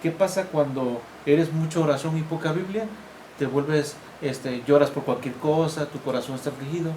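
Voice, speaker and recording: A man's voice: fairly high pitch, normal speed, a little mellow. Mexican man agreeing in church talk. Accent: Mexican Spanish. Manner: affirming, talks through points with frequent agreement. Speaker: co-host in church discussion. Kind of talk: casual church discussion. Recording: echoey room with faint noise.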